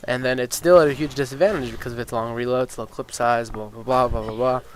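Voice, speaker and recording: A gaming YouTuber with a medium-pitched voice talks quickly, rambling through his commentary with lots of ums and uhs and plenty of swearing. He's got a sniffly cold and a stuffy nose, and he gets excited and incredulous about game balance. There's a faint hiss in the background.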